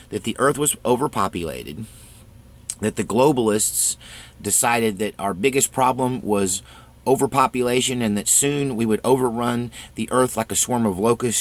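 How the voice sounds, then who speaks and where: Guy hosting his own vlog, rambles along casually, restarts a lot, lowish voice. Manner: rambling, conversational, with frequent restarts. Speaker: channel host.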